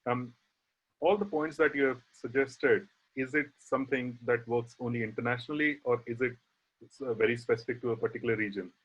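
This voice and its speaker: A man moderating a webinar panel, asking questions in a halting way with many fillers. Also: mid-range voice, steady tone, breathy edge. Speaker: session chair. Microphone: video call. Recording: muffled video call audio.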